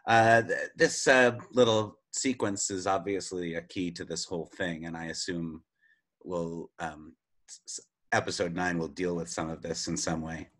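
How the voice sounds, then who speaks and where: A man's voice: deep voice, fairly even intonation, normal speed, a bit bright. A man co-hosting a casual film-discussion podcast, steering the topics with a hesitant, filler-heavy delivery. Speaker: podcast co-host.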